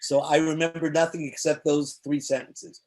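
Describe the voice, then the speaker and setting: A man's voice: on the high side, moderate pace. A man who grew up in Israel, hosting a casual online chat and telling jokey stories. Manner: jokey, animated storyteller. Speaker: organization founder and event host.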